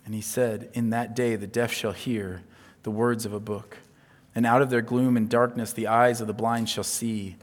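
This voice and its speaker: A man preaching an evening sermon in an earnest way, rising in intensity as he retells scripture and then going quiet and low. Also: little pitch movement, normal speed. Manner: earnest, builds in pitch and volume when retelling, then drops soft and low. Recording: long hall reverb.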